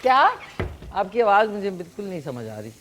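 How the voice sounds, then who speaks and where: The recording is very noisy, and the woman's medium-pitched voice swings widely in pitch. As a morning show host and cooking presenter, she chats live with callers and teases them while cooking in a studio kitchen, miked with a lapel mic.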